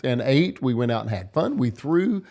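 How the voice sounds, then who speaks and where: Man, podcast co-host, calm, soft-spoken, probing questions, mid pitch. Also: normal speed, creaky. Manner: gentle, probing follow-up questions, often quiet. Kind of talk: conversational podcast chat.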